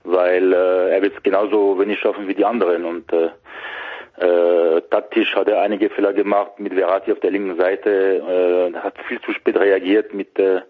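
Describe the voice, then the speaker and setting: Low husky man over a phone line. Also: flat delivery, moderate pace. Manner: hesitant, many filler sounds. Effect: heard over a telephone line. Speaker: football expert guest. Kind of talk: match analysis on a sports radio show. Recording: narrow phone-line sound.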